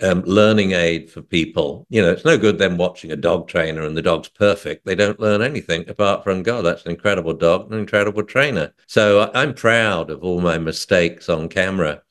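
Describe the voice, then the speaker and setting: A man with a low-pitched voice, talking as a guest on a show. He tells his stories with energy and slips into playful voices for dogs and owners. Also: moderate pace, hardly any pauses. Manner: lively storyteller, acts out dog and owner voices. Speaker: dog trainer, guest. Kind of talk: casual interview talk.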